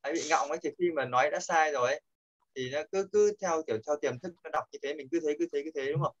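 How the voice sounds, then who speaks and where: A man with a slightly high voice talks quickly while instructing an online English pronunciation class. He stays patient and corrective and repeats the important points, and the video call audio is dull and lo-fi.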